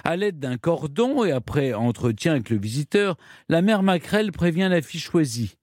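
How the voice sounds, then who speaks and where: A man telling a history story in measured, scripted narration with dramatic pauses. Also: a little high, big pitch swings, darkish tone, no echo, studio quality.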